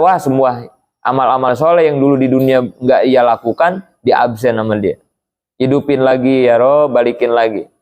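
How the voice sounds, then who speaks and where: A man's voice: mid-range voice, darkish tone. A man teaching an Islamic study lecture in a conversational way, acting out the pleading cries of the dying. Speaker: religious teacher.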